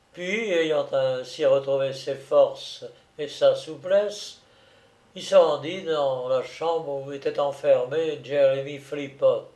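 A man narrating a story in a measured, deliberate reading style. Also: on the high side, warm tone, echoey room. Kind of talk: audiobook reading.

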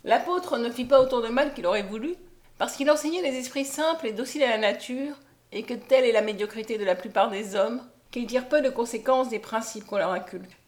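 Woman reading a literary audiobook. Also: fairly high pitch. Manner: measured, expressive reading. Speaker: audiobook reader.

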